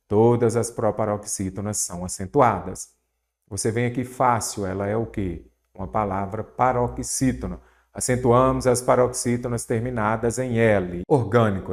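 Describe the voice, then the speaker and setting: Speaking in a lowish, slightly mellow voice, a Brazilian Portuguese teacher solves exam questions out loud. He raises questions and answers them himself, draws out key words for emphasis, and keeps repeating a mnemonic.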